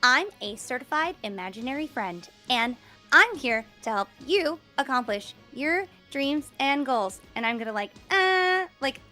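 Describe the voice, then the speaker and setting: Bubbly beetle sprite, high and lively, voiced by a woman. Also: measured pace, soft background music, exaggerated voice. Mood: friendly, eager. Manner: eager, bubbly. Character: cheerful female imaginary-friend beetle creature.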